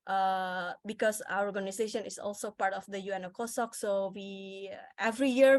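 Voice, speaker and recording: An Indonesian woman, speaking a language that isn't her first, presents on the goals at a festival session in a mid-range voice with no echo. Her talk to the audience is full of fillers and restarts.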